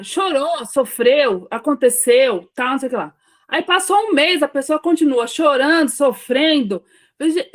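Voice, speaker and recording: Rambling high-voiced Brazilian woman. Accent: Brazilian Portuguese. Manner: rambling, self-questioning, many restarts. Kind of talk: casual faith talk.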